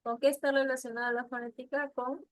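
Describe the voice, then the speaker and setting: A woman teacher leading an online class, patiently asking questions and repeating answers slowly over a video call. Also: high-pitched, level tone, no echo, rough recording.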